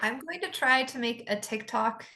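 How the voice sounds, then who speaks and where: A woman's voice: on the high side, animated, moderate pace, creaky, sharp tone. A woman in a casual chat on a video call, playful and joking. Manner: playful, jokey.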